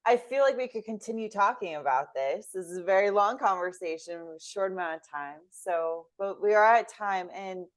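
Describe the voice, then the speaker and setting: A woman's voice: medium pitch, normal speed, few pauses. Woman podcast host, affirming. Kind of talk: casual podcast chat.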